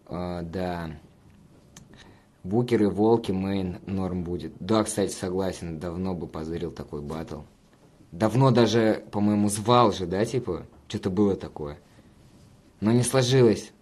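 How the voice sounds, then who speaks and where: A man with a fairly low voice hosts a relaxed livestream, reading out viewer comments. He rambles and curses freely, teasing the audience as he goes. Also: measured pace, husky. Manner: profane, rambling, banter with viewers. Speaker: livestream host reading chat. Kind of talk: casual livestream chat.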